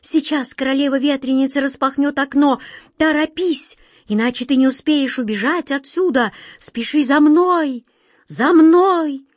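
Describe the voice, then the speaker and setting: A woman reading aloud gives us a whirlwind spirit boy who can never stand still. His voice sits high and excited, whistling out each line in a close, dry sound. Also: a little slow, dry recording. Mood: urgent. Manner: excited, whistling, darting delivery. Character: lively boyish whirlwind spirit, quick and touchy.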